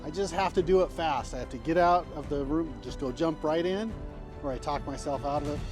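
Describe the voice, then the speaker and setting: A man's voice: on the high side, brisk. A man talking casually and earnestly to viewers as the host of an ice bath club. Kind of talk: casual vlog talk. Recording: music playing behind the voice.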